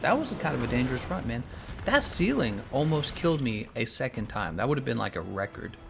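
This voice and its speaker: Animated man streaming a video game. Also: mid-range voice, a little fast, creaky, noisy background. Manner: exclamatory, slangy, chatting with viewers. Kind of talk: casual livestream gaming commentary.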